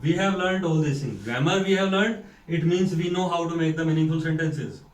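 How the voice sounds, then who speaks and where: A man from India with an Indian accent, a school principal giving a classroom lecture, slow and deliberate, repeating points and asking rhetorical questions. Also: fairly high pitch. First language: Hindi. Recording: echoey room, mic far off.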